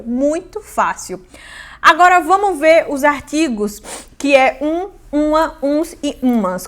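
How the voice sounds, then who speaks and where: A woman teaching English in a casual online lesson, lively, repeating example words slowly, native Portuguese speaker. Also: sits high.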